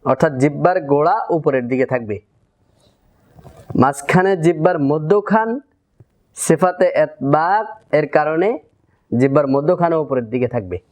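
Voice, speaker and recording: A man teaching Quran pronunciation in a methodical tajweed lesson, repeating syllables deliberately for learners to copy. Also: fairly high pitch, a little mellow. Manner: drills letter sounds, repeats syllables deliberately.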